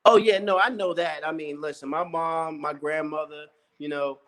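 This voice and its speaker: A man's voice: on the high side, fairly even intonation, normal speed, a bit bright. A man hosting an interview, asking long, rambling questions full of hesitations. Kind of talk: casual interview talk.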